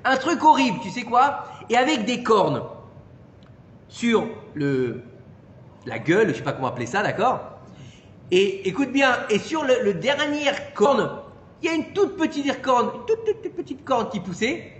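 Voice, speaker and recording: A man giving an informal Torah lesson to a small group, animated and peppering his listeners with questions. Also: extremely high pitch, unhurried. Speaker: Torah teacher. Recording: echoey room with long reverb and faint noise.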